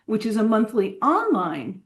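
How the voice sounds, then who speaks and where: A woman's voice: on the high side, big pitch swings, measured pace. A woman sharing her experience as a participant on a group video call, chatty and meandering. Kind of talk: casual chat.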